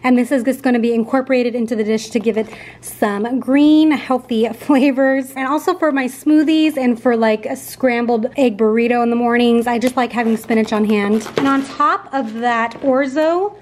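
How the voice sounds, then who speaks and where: A woman's voice: on the high side, steady tone, moderate pace, darkish tone, slight background noise. A woman in her thirties chatting casually with viewers in an upbeat way as she shows off groceries in her kitchen. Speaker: lifestyle vlogger. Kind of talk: casual grocery haul narration. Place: home kitchen, indoors.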